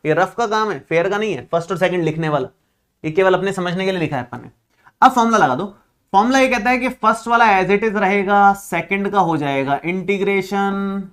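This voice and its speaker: A male math teacher with a high voice gives a chatty, reassuring classroom lecture, teasing his students and repeating steps slowly.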